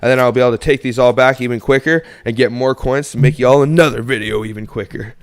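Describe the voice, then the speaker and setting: Young canadian guy rambling to his live chat while sorting coins, smooth clear voice, middle pitch. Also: fairly even intonation, quick pace. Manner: chatty, rambling, upbeat asides to viewers. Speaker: coin roll hunting livestream host.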